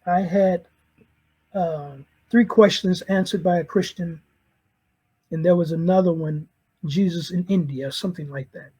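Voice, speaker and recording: A middle-aged man from St. Louis tells his personal testimony in a husky, slightly breathy voice. He pitches high for a man and talks earnestly. He carries the story by quoting back and forth what each person said. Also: steady tone, measured pace, warm tone, lo-fi sound. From St. Louis, Missouri, USA. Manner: earnest, recounts conversations in quoted dialogue. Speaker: convert telling his story.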